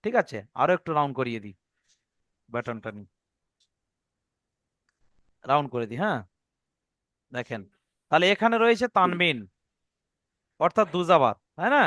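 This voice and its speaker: High-voiced patient male Quran teacher. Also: animated, normal speed, long pauses, a bit bright, no room sound, studio quality. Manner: patient, repeats rules and asks if students follow. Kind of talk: online tajweed lesson.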